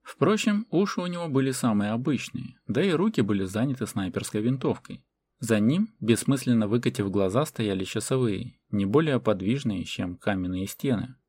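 A man reading a fantasy novel as audiobook narration in a measured way. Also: medium pitch, lively intonation, a little mellow, husky. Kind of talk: scripted narration.

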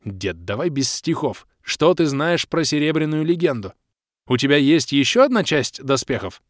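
A man's voice: on the high side, very animated, moderate pace, no echo, clean studio sound, voice pushed up. Man doing a brash young adventurer. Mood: pushy. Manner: blunt, shouting.

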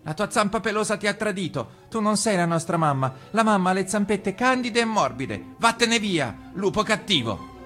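Shrill, terrified little goat kids from a radio storybook squeal in a piercing high register. Their lines jump around in pitch and come out loud and scolding. A faint bed of music plays underneath. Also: male voice, very animated, moderate pace, full character voice. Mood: shrill, alarmed.

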